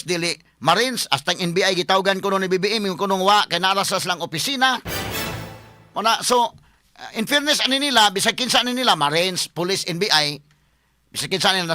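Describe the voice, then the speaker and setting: A man, a lawyer hosting a casual online commentary, talking to viewers as friends with a halting, filler-heavy delivery. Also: high-pitched, pushed and bright, no room sound, studio quality, soft background music. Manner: chatty, talks straight to viewers as friends; halting, with many fillers and restarts.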